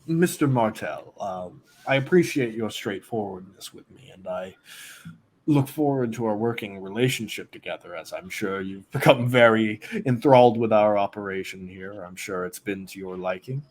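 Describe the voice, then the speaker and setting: A man voicing a scheming male crime boss who talks in a formal, measured, courteous way. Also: lowish voice, a little hiss or hum, close to an everyday voice. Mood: smooth, scheming.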